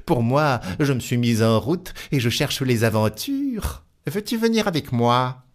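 A man voicing a boastful, cheeky little tailor in a storybook reading, with bragging, excitable exclamations. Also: medium pitch, a little slow, pitched above the performer's own voice. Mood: cocky.

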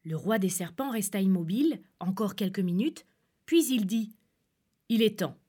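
A woman calmly reading a fairy tale aloud as storyteller. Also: mid-range voice, moderate pace, breathy edge.

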